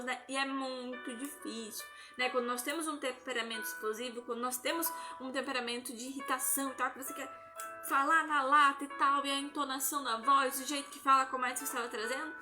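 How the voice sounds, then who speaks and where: A woman gives an informal devotional talk from home on a live stream, tagging nearly every phrase with a questioning "né?". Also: sits high. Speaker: lay religious speaker. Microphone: phone or webcam on a live stream. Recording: music playing behind the voice.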